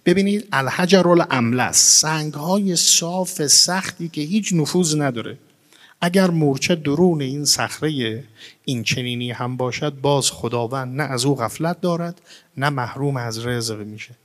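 A man's voice: medium pitch, a bit bright. Man preaching in an echoing hall. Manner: explains word roots, asks and answers his own questions; recites Arabic phrases slowly and with emphasis. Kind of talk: religious lecture. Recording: reverberant hall.

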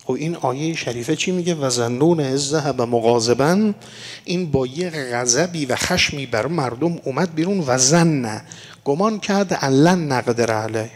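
A man giving an evening sermon that explains scripture, reciting verses slowly and asking rhetorical questions before answering them. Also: mid-range voice. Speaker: religious lecturer. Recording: long hall reverb.

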